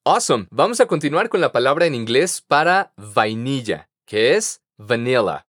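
A man teaching English pronunciation on a podcast, patient and encouraging, modeling words slowly for students to repeat. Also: mid-range voice, big pitch swings, fairly bright tone, no echo, clean studio sound. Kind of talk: podcast language lesson.

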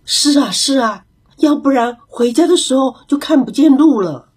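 A woman voicing a fussy grown-up male monkey in a children's story, quick to fret and scold. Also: high voice, animated, darkish tone, husky. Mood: agreeing.

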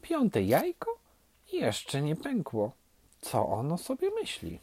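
A man's voice: a little high, wildly swooping pitch, takes it slowly, warm tone, breathy edge, voice pushed up, exaggerated voice. A man voicing a fussy, caring mother duck who quacks between her words.

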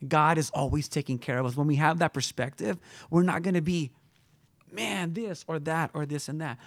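A man delivers an informal sermon in a somewhat high voice with a gravelly edge. He talks to his listeners rather than at them, throwing out rhetorical questions between scripture readings and prayer. The sound is dry and close. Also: dry recording. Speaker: pastor.

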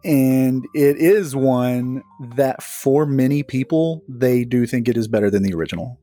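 A man's voice: medium pitch, a little slow, mellow, no room sound, soft background music. Playfully argumentative podcast host, man. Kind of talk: casual chat.

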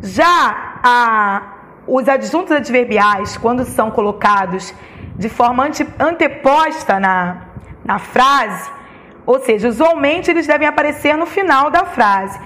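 High-voiced Brazilian woman teacher. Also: expressive, measured pace, fairly bright tone. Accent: Brazilian Portuguese. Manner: explains step by step, saying each comma aloud. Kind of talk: recorded classroom lesson.

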